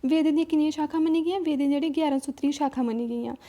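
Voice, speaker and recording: A woman's voice: sits high, racing, mellow. A woman with a Dogri accent giving an exam-prep lecture, explaining step by step with frequent checks and restarts. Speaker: teacher.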